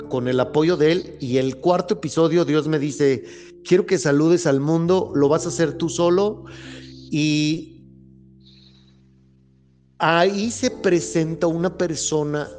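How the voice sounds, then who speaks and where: A man's voice: fairly high pitch, darkish tone. Earnest man hosting a faith podcast. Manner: earnest, rambling, with frequent restarts and fillers. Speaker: podcast host. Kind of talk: casual faith-based podcast conversation.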